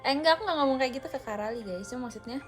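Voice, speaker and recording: A woman's voice: high voice, racing, music in the background. Young woman chatting on a live stream. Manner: chatty and loose, full of fillers, addressing viewers directly. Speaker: idol group member hosting a live stream. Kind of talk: casual live-stream chat to viewers.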